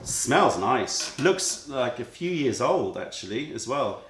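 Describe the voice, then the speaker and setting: A British man hosting a live tea tasting, brisk and jokey, thinking aloud with fillers. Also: medium pitch, very animated. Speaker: host. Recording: roomy live stream with noise.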